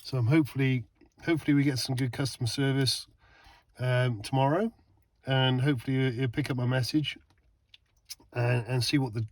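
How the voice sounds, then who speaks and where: Testing van lights outside at night, this man chats for a vlog in a medium-pitched voice at normal speed, pausing often. He gets excitable, laughing, exclaiming, and repeating himself.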